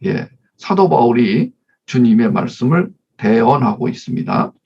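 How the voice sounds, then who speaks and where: A man's voice: mid-range voice, expressive, a little slow, gravelly, darkish tone, lo-fi sound, slight background noise. A man preaching a conversational sermon, leading Bible readings and acting out little scenes of mothers and children. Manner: acts out mother and child voices, leads congregation reading. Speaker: pastor.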